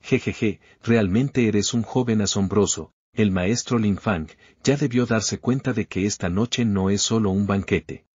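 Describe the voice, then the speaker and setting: A man voicing a fawning old merchant who flatters and giggles slyly. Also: fairly low pitch, a little slow, hardly any pauses, slightly rough, dry recording. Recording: slightly dull lo-fi recording.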